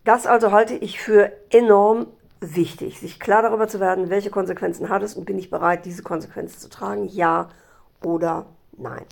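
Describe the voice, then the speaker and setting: A middle-aged woman hosting a short coaching podcast, talking calmly and reflectively, stressing key words with deliberate repetition. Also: medium pitch, gravelly. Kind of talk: solo podcast monologue.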